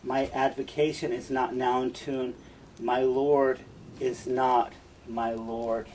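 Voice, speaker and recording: A gentle, troubled young wife speaks slowly and softly, as a man reads her part aloud in class. The voice stays in his own plain register at a measured pace. It is heard from a bit away from the mic, with faint room noise. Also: medium pitch, flat delivery, distant mic, natural voice, low-quality recording.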